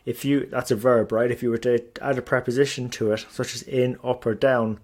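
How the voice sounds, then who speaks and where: Fairly quick and flat in delivery, this podcast host has a mid-range, slightly mellow voice. He is a middle-aged man from Ireland and England running a solo show, chatty and self-deprecating, often using fillers and restarting his sentences.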